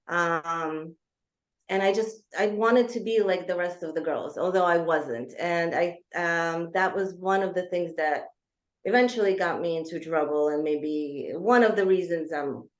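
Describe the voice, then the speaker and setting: A woman in her thirties, from Georgia, a guest author telling her life story in an interview with earnest, hesitant phrasing full of ums. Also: on the low side. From Georgia (former Soviet Union). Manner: earnest, frequent ums, speeds up and slows down. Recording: echoey, dull lo-fi remote audio.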